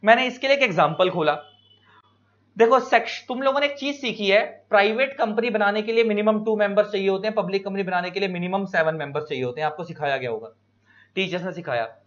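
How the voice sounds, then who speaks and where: An Indian man lecturing students, explaining each point slowly with examples and stretching key words. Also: sits high, fairly bright tone. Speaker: teacher. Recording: dull lo-fi recording.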